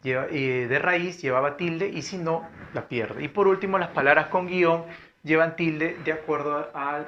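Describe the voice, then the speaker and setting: Male teacher, patient explainer, slightly high pitch, dull lo-fi recording. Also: moderate pace. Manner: explanatory, repeats key words, asks rhetorical "¿no?". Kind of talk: recorded grammar lesson. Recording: dull lo-fi recording with faint noise.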